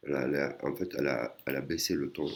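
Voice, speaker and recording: A man teaching a language lesson in a casual way, with many pauses and fillers, explaining patiently and often adding a tag word at the end of his sentences. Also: extremely low pitch, steady tone, gravelly, noisy background. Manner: hesitant, many fillers and restarts. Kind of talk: casual screen-recorded lesson.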